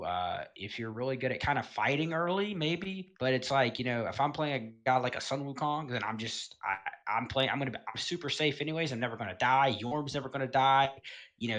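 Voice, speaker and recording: A man casually talking through a game tier list, rambling and filling pauses with um and you know. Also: mid-range voice, a bit bright. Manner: laid-back, chuckles between points. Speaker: gaming video host.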